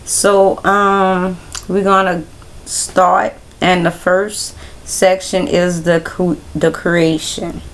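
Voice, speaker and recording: A woman hosting a casual Bible study livestream, talking in a relaxed, rambling way straight to her viewers. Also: fairly low pitch, very slow. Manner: relaxed, rambling, speaks directly to viewers as y'all.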